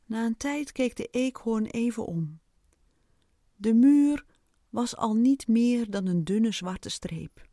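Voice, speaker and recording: A woman reading a storybook aloud, expressive and unhurried. Her voice sits a little high and moves a lot. The recording is close and dry. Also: dry recording. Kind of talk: storybook narration.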